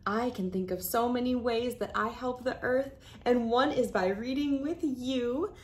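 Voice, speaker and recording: A woman reading a picture book aloud to children in a gentle, friendly way, then chatting with them as friends. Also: fairly high pitch, a little hiss or hum. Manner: gentle, slow and friendly, talking to kids as friends. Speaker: children's story reader.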